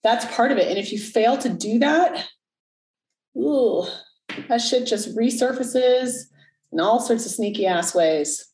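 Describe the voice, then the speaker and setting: A woman's voice: fairly high pitch, animated, unhurried, darkish tone, roomy sound, slight background noise, low-quality recording. A woman in her early forties, a coach, talking frankly and reflectively in casual chat, cursing now and then. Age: 40s.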